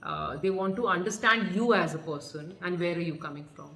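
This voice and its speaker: A woman's voice: on the low side, brisk, a bit bright. A woman with an Indian accent giving an explanatory coaching talk as a pageant coach, earnest and instructive, repeating points for emphasis. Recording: roomy echo.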